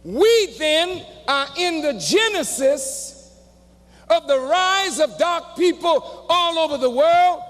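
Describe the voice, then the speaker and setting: Male preacher mid-sermon, slow and emphatic, rising to shouts, big reverberant hall. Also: very high-pitched, expressive. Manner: addresses the congregation directly. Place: large hall before a congregation. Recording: long reverb of a large hall.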